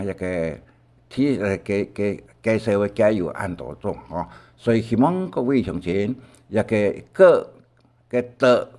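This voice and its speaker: An older man with a Taiwanese Hakka accent giving a recorded language lesson, explaining in a halting way with frequent pauses and restarts. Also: lowish voice, a little mellow.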